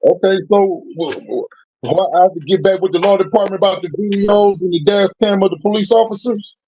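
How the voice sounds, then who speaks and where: A man with a high voice argues as a defendant in court. He is halting and repetitive but keeps pushing his point. The recording is dull and lo-fi. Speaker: self-represented defendant in court. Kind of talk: unrehearsed courtroom argument. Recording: dull lo-fi hearing audio.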